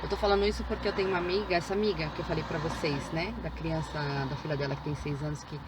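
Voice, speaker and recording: A woman's voice: low-pitched, fairly even intonation, racing, heavy background noise. A woman, a mother chatting casually in her vlog, with many fillers and restarts. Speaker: vlogger, mother.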